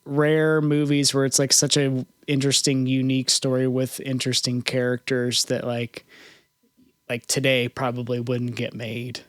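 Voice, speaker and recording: A man with a smooth, clear mid-pitched voice chats easily as a podcast co-host. His manner is relaxed and laughing. The sound is dry and close. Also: normal speed, no room sound. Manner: easygoing, laughs through his talk. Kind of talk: casual chat.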